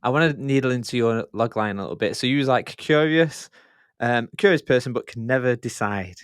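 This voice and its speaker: A man's voice: medium pitch, brisk, smooth, no room sound, clean studio sound. Chatty jokey male podcast host. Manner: chatty, jokey, self-deprecating. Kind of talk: casual conversational interview.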